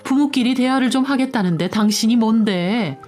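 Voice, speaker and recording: A woman's voice: on the high side, moderate pace, a little mellow, soft background music, close to an everyday voice. A woman voicing a rude, condescending middle-aged ex-wife who mocks and talks down. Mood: scornful. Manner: condescending, mocking, casual speech.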